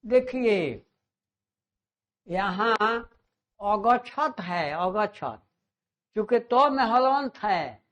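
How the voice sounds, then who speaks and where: A man teaching a grammar lesson, slowly repeating and drawing out words. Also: high voice, a bit bright. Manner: slow, repeats words and stretches them out. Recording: dull lo-fi sound.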